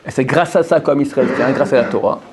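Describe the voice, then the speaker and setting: A man's voice: medium pitch, quick pace, noisy background. A man giving a Torah lesson to a group of men, repeating phrases and putting questions to his listeners. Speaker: Torah teacher.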